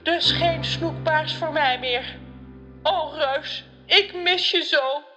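A woman's voice: high-pitched, slow. A woman voicing a lovesick, theatrical woman presenter in an audio story. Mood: wistful. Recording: music faint underneath.

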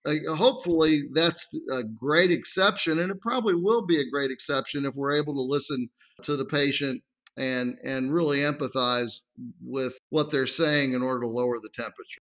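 A man answering interview questions in a calm, measured way, acting out conversations with patients. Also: medium pitch.

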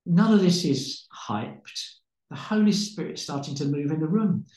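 With a fairly high, darkish voice and lively intonation at normal speed, this pastor relates stories in conversation like he's preaching, repeating words as his intensity climbs. The recording has a roomy echo.

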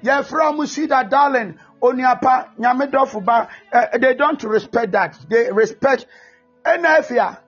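A man preaching a fervent sermon, often shouting and mixing English with Twi. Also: very high-pitched, unhurried. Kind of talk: sermon with prayer. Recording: dull lo-fi recording with faint music.

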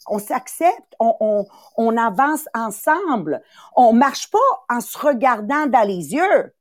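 A high-pitched woman around sixty, an Italian-born sales coach and podcast host with a Quebec French accent, leads a motivational talk. Her manner is animated and emphatic; she repeats phrases and performs little voices. The clean studio sound has no echo.

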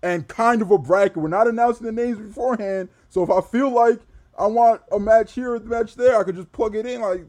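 High-pitched male co-host, blunt and teasing. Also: fairly quick, a little mellow. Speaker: podcast co-host. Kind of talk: casual podcast chat.

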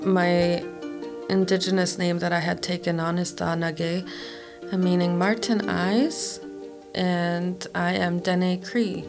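Slow deliberate woman, low gravelly voice, pretty flat. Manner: slow, deliberate speech with pauses. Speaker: community programmer. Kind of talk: slow, measured podcast interview.

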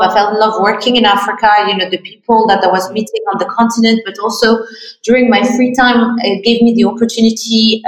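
A middle-aged woman from Morocco, founder of an art fair, answering interview questions in a hesitant way full of fillers and restarts. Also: medium pitch. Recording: roomy distant mic.

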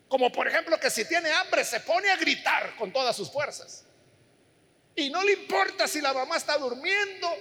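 Male preacher, very high and forceful voice, earnest sermon in a reverberant hall. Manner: earnest storytelling, addressing listeners directly.

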